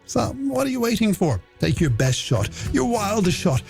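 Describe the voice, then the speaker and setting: Over a music bed, an Irish host of a late-night music show presents playfully and theatrically with a polished touch, doing shout-outs and game segments. He has a high, sing-song voice, slightly mellow with vocal fry and a breathy edge, at normal speed.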